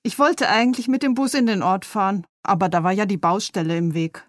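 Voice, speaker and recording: A woman's voice: medium pitch, brisk, no echo, clean studio sound, close to an everyday voice. A woman voicing a young, wary woman from the city in a read-aloud novel, in a plain, earnest way.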